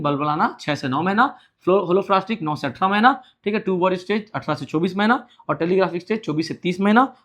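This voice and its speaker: A male teacher giving an exam-prep lecture. He asks his students a question, answers it himself, and repeats the key points. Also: on the high side.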